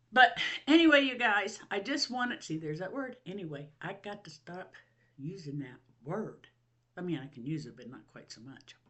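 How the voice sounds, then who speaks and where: A woman's voice: medium pitch, pushed and bright. Chatty older woman. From Ohio. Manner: rambling, chatty, laughs often, self-mocking. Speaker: vlog host. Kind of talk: casual chat to camera. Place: at home.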